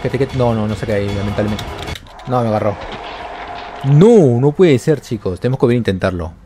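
A man giving excited commentary on a horror game, yelping and repeating words when scared. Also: lowish voice, fast, music in the background. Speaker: gaming YouTuber.

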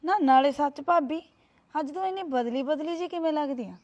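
A sly, meddling young sister-in-law, played by a woman, with a high, coaxing voice. She needles her brother's wife with sweet advice. The audio is dull and lo-fi. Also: brisk, darkish tone, natural voice. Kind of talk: short family drama.

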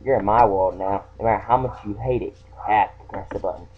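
In a dull, lo-fi home recording, a male let's play gamer casually reads his game's text aloud, teasing and playful with mock-sinister moments. His voice sits on the low side, steady in tone and a little fast.

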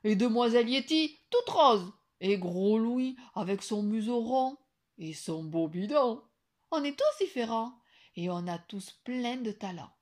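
Woman reading as a big kind wolf, storybook voice, lively swooping pitch, a bit high. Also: measured pace. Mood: cheerful. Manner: expressive storybook voicing. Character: big grown male wolf, kind-hearted.

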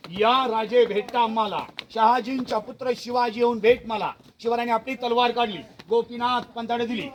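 A man's voice: very high voice, a little hiss or hum. A man guiding a school group around a hill fort outdoors, telling history dramatically, repeating words for effect and asking the crowd questions. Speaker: fort tour guide.

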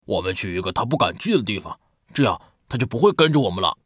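A man's voice: fairly low pitch, big pitch swings, fast talker, no echo, clean studio sound, voice pushed down. Male reader doing a cocky, scolding cartoonish big-brother anteater, storybook read-aloud. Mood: irritated. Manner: impatient, scolding. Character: boastful bossy young anteater big brother.

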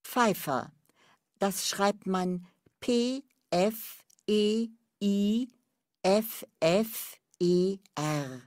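A woman's voice: mid-range voice, very slow, darkish tone, no room sound, studio quality. A woman playing a polite, accommodating customer in a language-course dialogue. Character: polite, accommodating female customer making a booking.

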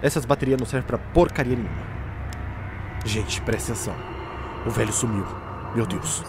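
A man's voice: mid-range voice, moderate pace, creaky, background noise, close to an everyday voice. A man voicing a jumpy, bossy young paranormal investigator who insults his friends. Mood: wary. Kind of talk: fan machinima voice acting.

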